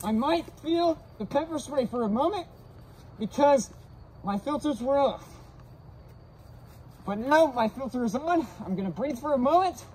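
High-voiced man talking through a gas mask. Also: expressive, moderate pace, pauses often, a little mellow, slight background noise, low-quality recording. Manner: brash, swearing, breathing deeply. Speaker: vlogger testing safety gear. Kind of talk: casual demonstration.

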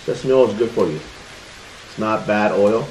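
Low-voiced dad chewing while talking. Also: male voice, moderate pace, a little mellow, distant mic. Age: middle-aged. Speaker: father hosting a family eating show. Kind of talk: casual mukbang chat. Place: indoor room at a table beside a sizzling griddle. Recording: echoey room with clear background noise.

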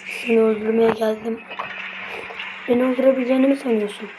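A voice play-acting a fight scene in a casual, rough, taunting way, trading quick lines back and forth. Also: medium pitch, little pitch movement. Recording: noisy amateur home recording.

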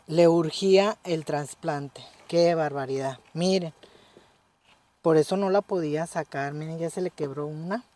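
A woman's voice: deep voice, measured pace, mellow. Chatty woman fussing over a plant. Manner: chatty, fussing tenderly over the plant, keeps saying "look". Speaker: gardening vlogger. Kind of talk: casual home gardening vlog.

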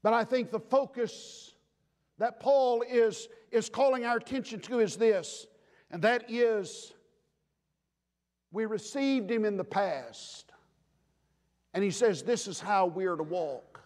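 A man preaching a sermon as pastor, emphatic, building to loud declarations and dropping low again. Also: takes it slowly, long pauses. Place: church sanctuary. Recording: long reverb of a church sanctuary.

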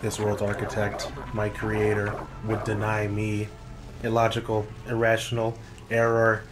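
A man doing a cold glitching robot overlord. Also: lowish voice. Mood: glitching, stern. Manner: flat, measured, reading game lines aloud. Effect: none; glitching robot voice done by mouth, repeating error messages. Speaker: let's play co-host. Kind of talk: reading a villain's lines over gameplay. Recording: noisy gameplay recording.

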